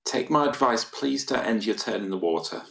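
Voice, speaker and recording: A man's voice: medium pitch, expressive, a little fast, vocal fry, fairly bright tone. A man playing a tabletop game, blunt and dry, trading quips in character. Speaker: player. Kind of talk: casual tabletop game talk.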